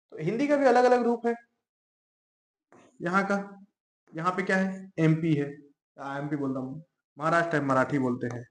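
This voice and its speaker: A man teaching a class in a conversational lecture style, often asking the students rhetorical questions. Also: medium pitch. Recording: echoey room.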